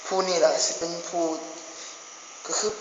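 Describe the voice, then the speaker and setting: A man with a Northeastern Thai Isan accent narrating a homemade ghost spoof, joking and yelping in pretend fright. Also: normal speed. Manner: jokey, exclaims and yelps in mock fright. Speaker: amateur video maker narrating a ghost spoof. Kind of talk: playful mock-horror narration. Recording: echoey hall with loud background noise.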